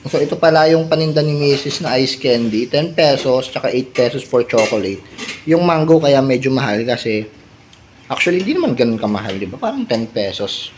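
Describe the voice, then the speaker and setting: A man narrating a casual family vlog at home, chatting in Taglish and coaxing his baby in a high voice. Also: background noise. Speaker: family vlogger.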